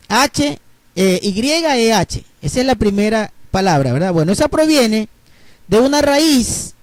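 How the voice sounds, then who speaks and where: A man preaching a Bible teaching sermon, explaining word roots slowly and checking in with his listeners. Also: very high-pitched, no room sound. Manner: explains slowly, spells letters out, asks listeners ¿verdad?.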